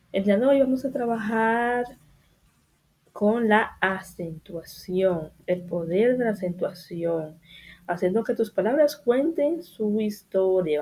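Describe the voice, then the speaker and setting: Slow, mellow-voiced woman teacher. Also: fairly low pitch. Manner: slow, deliberate, repeats key points for emphasis. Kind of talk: spanish grammar lesson for children.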